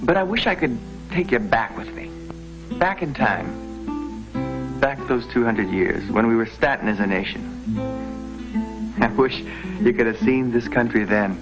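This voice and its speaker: An actor playing a folksy, wistful American settler from two centuries ago, telling homespun stories in a scripted historical drama. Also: male voice, medium pitch, expressive, measured pace, pauses often, music in the background, natural voice, poor audio. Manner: homespun, exclaiming, nostalgic storytelling. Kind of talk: scripted educational drama acting.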